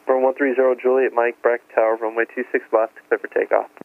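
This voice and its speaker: A man working as a tower controller, giving clipped clearances over a crackly aviation radio. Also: mid-range voice, fast talker. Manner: flat, clipped phraseology. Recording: muffled crackly radio, faint noise.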